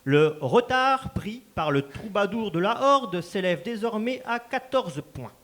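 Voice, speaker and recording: A man's voice: sits high, a bit bright, full character voice. A man performing a formal, ceremonious master of a verbal joust in a live stage reading. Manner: formal, solemn announcer.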